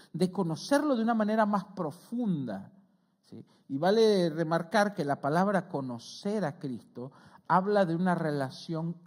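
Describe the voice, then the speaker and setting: A middle-aged man, a pastor preaching a conversational sermon who often checks in with his listeners and rises in pitch and volume when he quotes scripture. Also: a little mellow. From Argentina. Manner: earnest, conversational preaching with frequent "¿sí?" check-ins.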